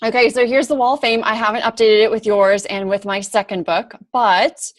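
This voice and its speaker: A woman's voice: on the high side, steady tone, moderate pace, no echo. A woman hosting a casual video chat as a book-launch coach, explaining steps and laughing often.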